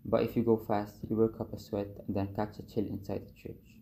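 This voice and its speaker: A man's voice: lowish voice, level tone, a little fast, gravelly, dark tone, a little hiss or hum. A sensible old nurse, as a male reader quotes her. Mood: matter-of-fact.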